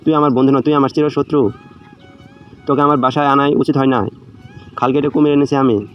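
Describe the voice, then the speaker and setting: Man acting possessive angry young lover, romantic story, threatening, flat intonation, dull lo-fi recording. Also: medium pitch, brisk, natural voice. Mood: furious, threatening. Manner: vengeful, passionate, threatening. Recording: dull lo-fi audio under music.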